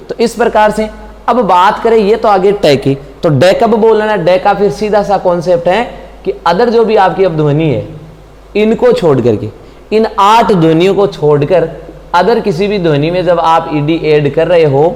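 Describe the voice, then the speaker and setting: Male teacher, high voice, classroom lesson style, lingering reverb on the recording. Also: darkish tone. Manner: repeats questions to students and answers them himself. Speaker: English teacher.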